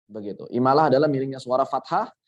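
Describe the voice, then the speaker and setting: Man explaining briskly over muffled call. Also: mid-range voice. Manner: patient explaining with repeated examples. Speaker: Quran recitation teacher. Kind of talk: explaining online workshop.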